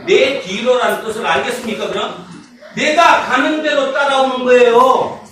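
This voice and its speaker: Preaching in a church sanctuary, a very high-pitched male pastor keeps asking his congregation rhetorical questions, drawing out key words and laughing and shouting to drive points home. The recording is noisy and distant, with heavy hall echo.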